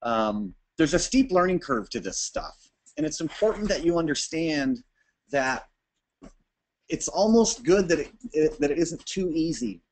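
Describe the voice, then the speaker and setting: A man presenting a webinar to app builders, talking fast and energetically with frequent restarts and ums. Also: a little high, very animated, darkish tone. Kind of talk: informal talk to users.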